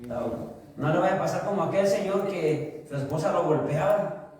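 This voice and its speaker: A man preaching a sermon as pastor, asking the congregation questions and answering them himself, slowing down to stress key phrases. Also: high voice, a little mellow. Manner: slows down for emphasis on key phrases. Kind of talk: sermon with humorous anecdotes. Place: church sanctuary. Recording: echoey church hall, distant mic.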